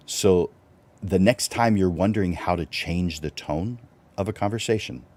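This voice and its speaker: A man with a low voice hosting a live-stream teaching talk, relaxed and conversational, with fillers and restarts. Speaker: host.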